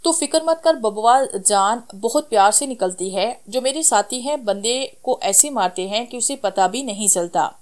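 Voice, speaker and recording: A scheming village thug who makes threats through a smile and takes his time over every word. A woman reads him in a slightly high voice, barely changing it from her narration. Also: expressive, measured pace, few pauses. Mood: menacing.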